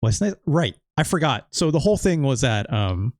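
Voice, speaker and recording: A man's voice: medium pitch, big pitch swings, fairly quick, darkish tone, no room sound, studio quality. A man casually commenting while playing a video game, with wry, sarcastic asides. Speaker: let's play host.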